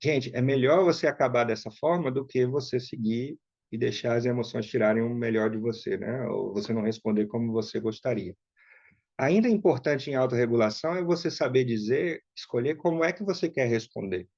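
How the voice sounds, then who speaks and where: A man teaching an online workshop in a casual, conversational way, often checking in with quick tag questions. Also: medium pitch, darkish tone, no echo. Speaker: workshop instructor. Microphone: online call mic. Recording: dull, dry lo-fi sound.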